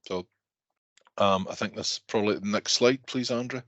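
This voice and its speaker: A middle-aged man with a Scottish accent introducing an online workshop informally, halting and repeating words, on a video call. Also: on the low side, a bit bright, dry recording. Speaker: programme lead hosting an online workshop. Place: indoor room, on a video call. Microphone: video call microphone.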